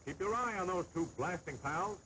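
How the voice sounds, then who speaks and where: A man's voice: high voice, lively intonation, moderate pace, bright, forceful tone, slight background noise, poor audio. A man narrating old newsreel footage with breezy, joking quips, heard from an old film soundtrack. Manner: breezy, jokey punchlines. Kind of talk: wisecracking vintage newsreel narration.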